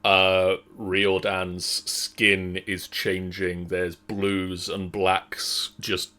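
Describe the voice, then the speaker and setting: A man runs a tabletop game as game master. His voice sits fairly low and has a sharp, forceful brightness. He narrates casually and slowly, in halting phrases. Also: completely flat delivery.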